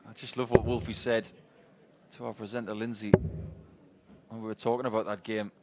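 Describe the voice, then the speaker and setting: A man's voice: lowish voice, flat delivery, fairly quick. A man giving chatty live commentary on a darts match. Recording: loud crowd behind commentary. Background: darts crowd.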